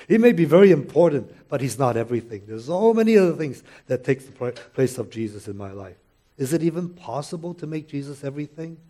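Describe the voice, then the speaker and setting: An older male pastor preaching a sermon in an earnest, questioning way. His voice is mellow and dark, and he often voices little quoted asides. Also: mid-range voice.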